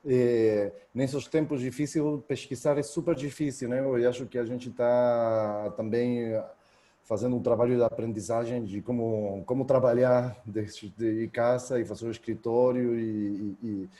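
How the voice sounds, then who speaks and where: Argentine man, very dark and mellow tone, guest speaker on a video call, jokey and halting, slips Spanish into his Portuguese. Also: medium pitch, steady tone. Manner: joking, hesitant, mixes Spanish into Portuguese. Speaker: guest researcher presenting. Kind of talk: academic seminar talk over video call.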